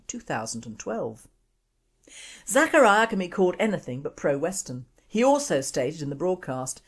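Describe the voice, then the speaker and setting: A woman from the United Kingdom presenting opinionated commentary in a scornful, indignant manner. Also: sits low. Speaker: show presenter.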